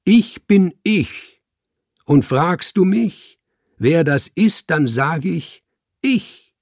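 A man voicing a cheeky talking tomcat, mocking and shouting back in a raised voice. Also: on the high side, lively intonation, drawn-out words, creaky, no echo, studio quality, voice pushed up, heavily acted. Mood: proud.

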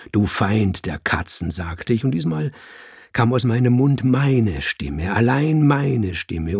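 A man reading a first-person story aloud in slow, measured audiobook narration. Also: on the low side, vocal fry, breathy edge, no room sound, studio quality.

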